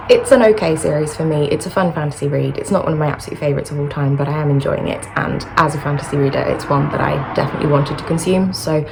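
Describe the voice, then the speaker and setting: A woman's voice: deep voice, vocal fry, a little mellow. A woman chatting enthusiastically in a casual vlog, recorded in a hotel room by a busy road with traffic noise. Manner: enthusiastic, gushing. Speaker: book vlogger.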